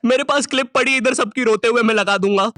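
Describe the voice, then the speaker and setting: A young man narrating a comic animated travel vlog in a chatty, joking way. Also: very high-pitched, quick pace. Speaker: vlogger.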